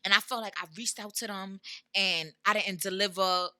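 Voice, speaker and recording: A woman rapper from New York, a guest telling a story in casual, slang-heavy chat, talking in quick bursts. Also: mid-range voice, fairly even intonation, sharp tone. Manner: laid-back, street slang, talks in quick bursts.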